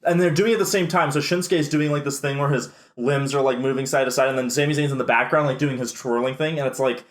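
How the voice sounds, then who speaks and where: A man co-hosting a casual wrestling podcast, talking in an animated, rambling way. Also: medium pitch, quick pace, reverberant. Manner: animated, rambling, does excited impressions. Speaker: podcast co-host.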